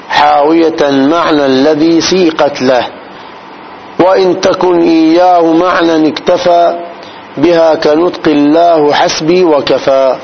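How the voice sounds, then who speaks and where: Speaking a bit loudly and on the high side, a man gives a classical grammar lesson. He explains every point slowly and often checks whether his students understand. The audio is dull, with a faint hiss in the background.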